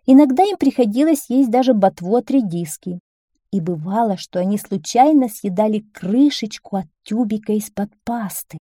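Expressive woman reading a children's story. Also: medium pitch, normal speed, dry recording, clean studio sound.

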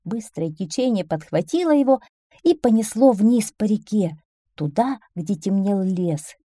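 A woman reads a children's fairy tale aloud in an expressive, animated way. Her voice is mellow and moves up and down a great deal. The recording is dry and close. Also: medium pitch, a little slow, no room sound. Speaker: storyteller. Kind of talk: children's story reading.

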